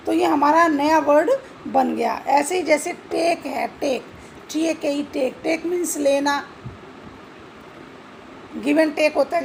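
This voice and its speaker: Indian woman, English teacher, high voice, gravelly, asks and answers her own questions. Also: slight background noise, poor audio. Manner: spells out words letter by letter and asks questions she then answers; mixes Hindi and English. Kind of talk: classroom-style explanation.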